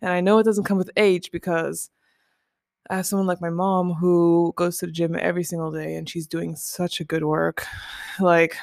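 A woman's voice: fairly low pitch, little pitch movement, normal speed, creaky, darkish tone, no room sound, clean studio sound. A woman in her twenties hosting a casual pillow-talk chat from her living room, rambling and chatty. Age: 20s. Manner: rambling, chatty, many "like" and "you know". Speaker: podcast host.

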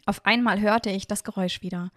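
A woman narrating a first-person storybook in an even, measured way. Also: medium pitch, dry recording, studio quality. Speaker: audiobook narrator.

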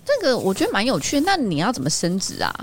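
A woman's voice: fairly high pitch, huge pitch swings, fast, slight background noise. A woman chatting casually as a co-host who asks questions. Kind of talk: casual chat.

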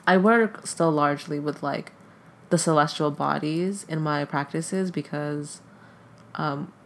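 A podcast guest who grew up speaking Tagalog chats casually and hesitantly, slipping "like" into nearly every phrase. The voice is medium-pitched and a bit bright, with vocal fry and a measured pace.

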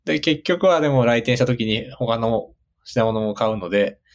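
A man's voice: medium pitch, lively intonation, moderate pace. A man hosting a conversational business interview, thinking aloud as he rephrases his questions. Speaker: interviewer, host.

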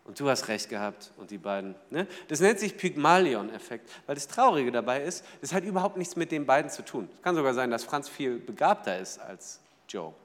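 A man preaching a sermon in a lively way, asking the audience questions and acting out small everyday scenes. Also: mid-range voice, brisk, hardly any pauses, long reverb tail. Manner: lively, asks the audience rhetorical questions, acts out little scenes. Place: church hall.

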